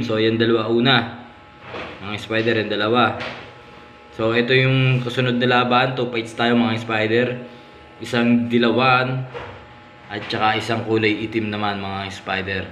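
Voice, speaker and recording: A man hosting a vlog, giving excited, casual commentary on spider fights and constantly addressing his viewers. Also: medium pitch, moderate pace, dull audio, slight background noise. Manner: excited, repeats "mga spider" and "oh" often. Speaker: vlogger, channel host. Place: at home. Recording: echoey room, faint background ambience.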